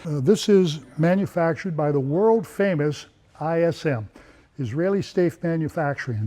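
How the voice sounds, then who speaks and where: Chatty, mellow-voiced man selling safes. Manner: chatty, enthusiastic salesman pitch. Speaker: safe dealer. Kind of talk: casual sales walk-through.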